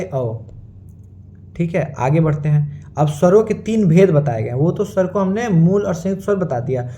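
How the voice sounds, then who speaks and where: A man gives a teaching lecture. His voice sits high, with a warm, mellow tone. He keeps asking his listeners questions and then answers them himself. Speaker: Sanskrit teacher. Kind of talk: classroom-style lecture.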